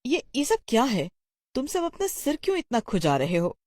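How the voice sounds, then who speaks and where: A woman's voice: on the high side, wildly swooping pitch, normal speed, darkish tone, no room sound, studio quality, voice pushed up. A woman voicing a middle-aged female schoolteacher in a storybook tale, scolding and questioning her pupils. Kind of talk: storybook voice acting.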